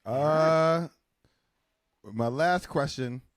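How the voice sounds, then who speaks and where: A man hosting a casual podcast interview, laid-back and quick to agree. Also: a little high. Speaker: podcast host.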